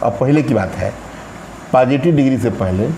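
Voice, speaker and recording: A man teaching an English grammar lesson in Hindi, speaking slowly and repeating words while he writes them out. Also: medium pitch, dark tone. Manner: slow, drawn-out, repeats words while writing on a board. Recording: echoey room, faint background noise.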